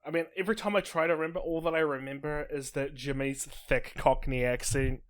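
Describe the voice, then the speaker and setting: A man's voice: fairly high pitch, steady tone, fairly quick. Dry-humored man on a film podcast. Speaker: podcast co-host. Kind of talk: casual film review chat.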